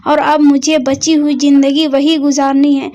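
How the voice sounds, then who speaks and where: A woman's voice: high voice, level tone, moderate pace, a little mellow, dull audio, natural voice. A woman reading as a stubborn, angry mother-in-law.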